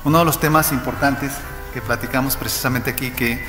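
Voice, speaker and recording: A man's voice: medium pitch, music in the background. Mexican man speaking steadily in an echoey hall. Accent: Mexican Spanish. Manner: unhurried, steady, with frequent fillers. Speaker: business owner presenting an event. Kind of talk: press conference presentation. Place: municipal meeting room, indoors. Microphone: table microphone. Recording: echoey room with long reverb.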